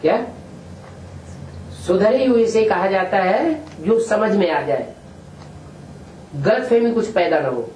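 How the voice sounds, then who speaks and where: A man leads a spiritual question-and-answer session, explaining each point patiently and pausing to ask his listeners "what?" He sits well back from the microphone in a roomy, echoing space, with a faint hiss underneath. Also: high-pitched, lively intonation, a little mellow. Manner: explains patiently, often checks with a rhetorical "what?". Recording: echoey room, distant mic, faint hiss.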